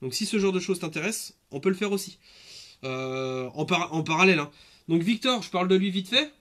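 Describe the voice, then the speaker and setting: Male streamer, 30s, high-pitched, loose rambling live chat with lots of fillers. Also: animated, fairly quick, a bit bright. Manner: chatty, rambling with many fillers and restarts.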